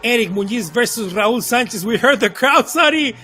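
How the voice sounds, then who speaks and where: A man calling a live MMA fight as play-by-play commentator, in an emphatic, excitable delivery. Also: very high-pitched, moderate pace. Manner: emphatic, excitable, short clipped calls. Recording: live broadcast over music and crowd. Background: music and crowd.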